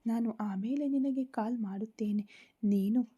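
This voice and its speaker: Woman voicing a gentle reassuring young husband. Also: a little high, measured pace, slightly rough. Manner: soft, calming.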